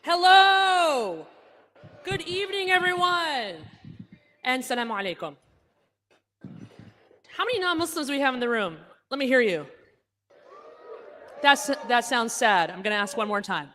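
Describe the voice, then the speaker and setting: A woman born in Egypt, hosting as a comedian and emcee, teasing the crowd at a gala in quick, playful bursts. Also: high voice, lively intonation, pushed and bright. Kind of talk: stand-up crowd work. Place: large gala ballroom.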